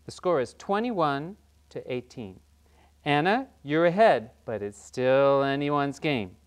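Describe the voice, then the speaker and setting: Performer doing a game show host, upbeat, brisk, animated pitch, announcing scores. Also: smooth. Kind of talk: scripted game show parody.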